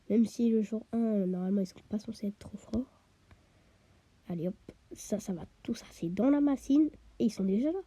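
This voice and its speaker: A woman gamer gives chatty let's play commentary as she plays, often dropping to a half-whisper and tossing in quick interjections, sounding a bit stuffy from a cold. Her mid-range voice is mellow with a breathy edge, and there's no room sound.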